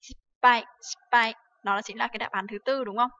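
Woman, Japanese teacher, livestream lesson, slightly high voice, dry dull recording. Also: steady tone, very fast, creaky, bright, forceful tone, no room sound. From Vietnam. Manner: asks rhetorical questions often, with many fillers.

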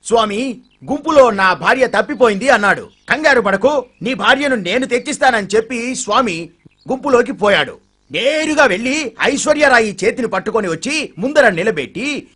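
A man's voice: very high-pitched, breathy edge, heavily acted. An actor playing a sarcastic, teasing man who mocks a storyteller and then takes over the tale in a comedic film scene. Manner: mocking, wisecracking, animated storyteller. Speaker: cheeky neighbor telling a comic story.

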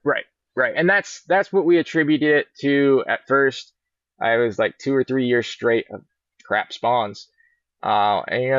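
A middle-aged fishing guide from Virginia tells stories in an easygoing, rambling way during a casual podcast interview. He joins by video call on a laptop webcam from a large indoor showroom. His medium-pitched voice sounds dry, muffled and dull.

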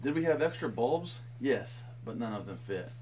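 A man's voice: animated, normal speed, a little mellow, slight background noise. A man in his thirties, a father reading a picture book aloud to his daughter on a live stream, playful and breaking off for jokey asides. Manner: swings pitch widely, jumps high for quoted voices.

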